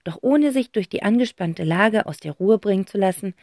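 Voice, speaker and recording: A woman narrating a children's audiobook in a lively, expressive way. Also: medium pitch, moderate pace, no room sound, clean studio sound. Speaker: audiobook reader.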